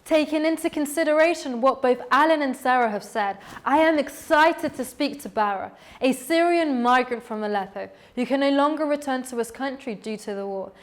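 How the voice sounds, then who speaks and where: A woman narrates a documentary from a script, her voice sitting fairly high. She speaks in a measured, formal way. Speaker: documentary presenter.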